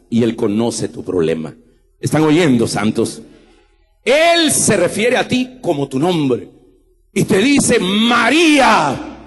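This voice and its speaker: A male pastor preaching a sermon, swinging from soft passages to shouted ones and repeating phrases for emphasis. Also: mid-range voice, slightly rough, in a large hall.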